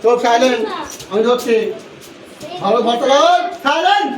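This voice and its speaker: A man's voice: very high voice, expressive, normal speed, crowd noise. A man who teaches yoga, leading a children's class with short, repeated commands and calls for silence. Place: large indoor school hall. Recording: echoey hall, voice from far off, faint noise.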